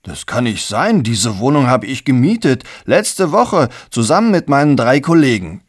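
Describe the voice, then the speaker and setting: A man's voice: medium pitch, big pitch swings, normal speed. A man voicing a condescending mustached man with a lip piercing in an audiobook. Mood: smug. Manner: condescending, indulgent. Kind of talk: audiobook character voice.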